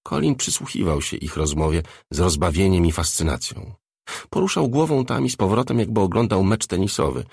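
A male audiobook narrator with a deep, gravelly and husky voice. He reads in a measured yet lively way, with his pitch moving a lot, recorded close in a dry booth. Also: dry recording. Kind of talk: scripted narration.

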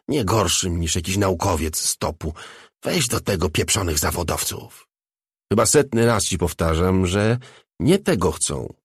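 A man voicing a crude, cold crime boss who speaks calmly and flatly. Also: deep voice, slightly rough, no echo, studio quality, full character voice. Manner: calm, detached, swearing.

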